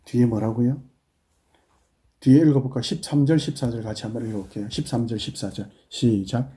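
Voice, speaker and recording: Korean pastor with a Busan accent, dark-toned. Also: male voice, medium pitch, fairly even intonation, brisk. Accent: Busan Gyeongsang Korean. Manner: swings from hushed, prayerful murmurs to loud scolding rhetorical questions. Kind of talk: sermon.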